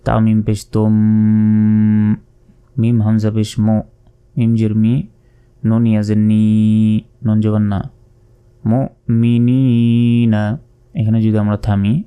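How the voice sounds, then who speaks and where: A man with a Bangladeshi Bengali accent teaching Quran recitation, patiently spelling out each letter and drawing the words out slowly. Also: fairly low pitch, monotone, dark tone, smooth.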